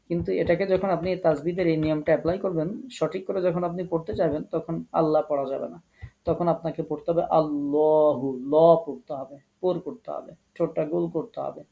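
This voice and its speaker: In an online lesson, a man with a Bangladeshi Bengali accent teaches the rules of Quran recitation, patiently walking through them step by step. He repeats each rule and slows down to demonstrate the recitation himself. His voice is fairly high, creaky, and dark in tone.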